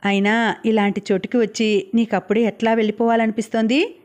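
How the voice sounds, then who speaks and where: A woman's voice: on the high side, little pitch movement, brisk, a little mellow, natural voice. A woman voicing a chatty young village woman who gossips in a confiding way, close to her own reading voice. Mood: gossipy.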